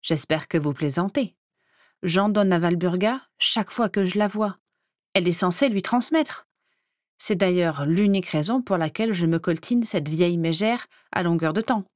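A woman voicing a lively adult woman in a storybook reading, hearty and outspoken, quick to turn sharp. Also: fairly low pitch, no echo, clean studio sound, close to an everyday voice. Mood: indignant. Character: lively grown woman, warm but quick to anger.

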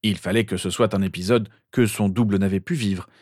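A man's voice: fairly low pitch, fairly even intonation, a little fast, darkish tone, dry recording, clean studio sound. A man reading a story aloud, narrating the scenes between the dialogue. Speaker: reader.

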